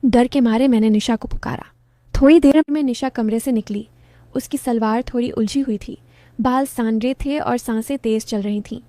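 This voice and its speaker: A woman narrating a romantic family story in the first person, calm and even. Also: on the high side, moderate pace, no room sound.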